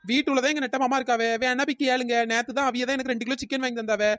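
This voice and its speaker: A woman's voice: high voice, fairly even intonation, a bit bright, no echo. A woman voicing a scheming village girl in a cartoon, scolding and sly. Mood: defiant. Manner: quick, scolding and sly, switching to sweet pleading. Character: scheming village girl who sells fake biryani. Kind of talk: cartoon voice acting.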